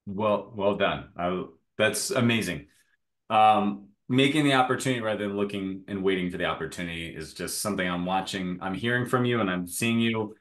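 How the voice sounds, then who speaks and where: A man's voice: fairly low pitch, normal speed, fairly bright tone. A man hosting an interview, chatty and enthusiastic, who laughs often. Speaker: interview host. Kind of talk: conversational interview.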